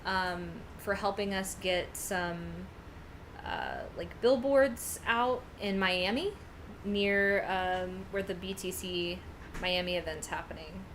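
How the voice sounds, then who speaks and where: A woman co-hosting a casual group livestream chat, talking in a relaxed, chatty way with many fillers. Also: on the low side, takes it slowly, a little hiss or hum. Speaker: livestream co-host.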